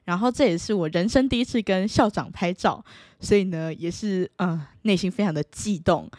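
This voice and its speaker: A young woman, telling a personal story to camera in a playful, animated way that leaps into high excited exclamations. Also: moderate pace, no room sound, studio quality. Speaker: vlogger.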